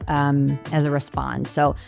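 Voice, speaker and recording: A woman hosting a podcast interview from her home studio, relaxed and asking playful quick-fire questions. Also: low voice, vocal fry, soft background music. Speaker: podcast host. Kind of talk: casual interview chat.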